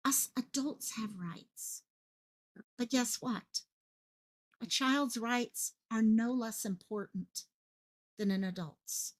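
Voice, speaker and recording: A woman with a fairly high voice hosts her own online channel, delivering impassioned livestream commentary. She speaks slowly with frequent pauses, repeating phrases for emphasis and projecting like a stage actor.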